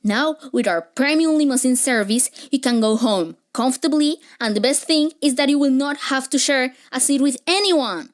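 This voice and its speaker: A young woman reading an infomercial sales pitch, addressing the listener directly. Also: animated, normal speed, hardly any pauses. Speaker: advertiser.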